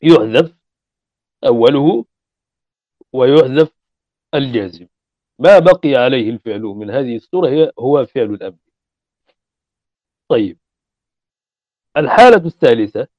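A man gives a patient classroom lesson, walking through each rule step by step and repeating his examples. His voice sounds mellow and dark, and he asks himself questions before he answers them. The recording is dull and lo-fi, with a dry, close sound. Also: mid-range voice, no room sound. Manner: chants verse lines slowly. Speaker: teacher. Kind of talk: classroom lesson on Arabic morphology.

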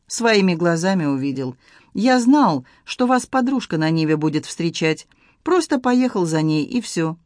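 A woman's voice: on the low side, big pitch swings, normal speed, a little mellow, dry recording, clean studio sound. A woman reading the lines of a guarded, wry man in an audiobook, matter-of-fact and slightly teasing. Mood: calm.

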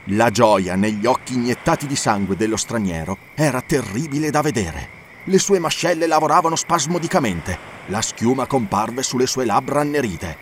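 A man's voice: mid-range voice, animated, moderate pace, slight background noise. Man narrating an audiobook steadily. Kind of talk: scripted narration.

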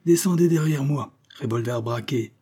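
A man voicing a gruff, bold old sea captain who barks orders in rough sailor slang. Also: medium pitch, expressive, moderate pace, mellow, voice pushed up. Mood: gruff, bossy.

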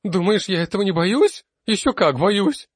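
A man voicing a frightened young male student in an audiobook, breaking into shrill, panicky outbursts. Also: very animated, moderate pace, breathy edge, no room sound, studio quality. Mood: panicked. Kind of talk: audiobook character voice.

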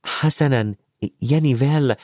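A man voicing a terse schoolboy who gives short hushed orders, for an audiobook. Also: medium pitch, measured pace, dry recording, clean studio sound, lightly acted. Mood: curt. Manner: curt, hushed. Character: terse schoolboy leading the group.

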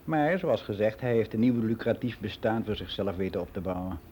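In a radio play monologue, an actor gives voice to a world-weary middle-aged man who rambles frankly and confidingly, in a lightly acted performance. His voice sits on the low side, with a darkish tone and a brisk pace, and there's a little hiss or hum on the recording. The mood is gossipy, and the delivery is rambling, confiding and matter-of-fact.

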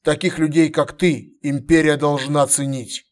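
Male reader doing a cold curt emperor, firm commands, slightly high voice, audiobook. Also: little pitch movement, natural voice. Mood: stern. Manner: curt, commanding, measured orders. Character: stern, commanding middle-aged male emperor.

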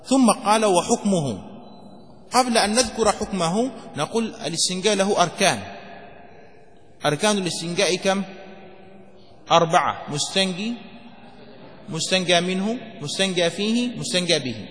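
A man's voice: high-pitched, lively intonation, a bit bright, big-room sound. A man teaching a classroom lesson on jurisprudence, posing questions and answering them himself, and repeating key phrases for students to memorize. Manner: dictates phrases slowly word by word. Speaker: sheikh teaching Shafi'i jurisprudence.

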